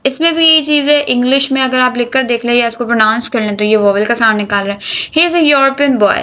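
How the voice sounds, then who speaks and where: Woman English tutor, slightly high voice, patient checking-in manner, dull lo-fi audio. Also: fairly even intonation, quick pace, pushed and bright. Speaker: English teacher. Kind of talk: grammar lesson explaining articles. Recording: dull lo-fi recording.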